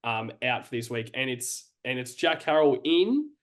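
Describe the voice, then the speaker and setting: A man's voice: medium pitch, animated, normal speed, a bit bright. A man with an Australian accent hosting a casual sports podcast, chatty and stammering, trailing off into asides. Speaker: podcast host. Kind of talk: casual chat.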